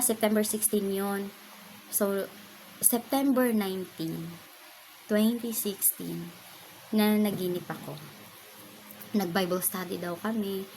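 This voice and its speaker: Soft-spoken Filipina sharing a story. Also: female voice, mid-range voice, a little hiss or hum, poor audio. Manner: soft-spoken, pauses often with fillers. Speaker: vlogger. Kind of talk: casual personal testimony.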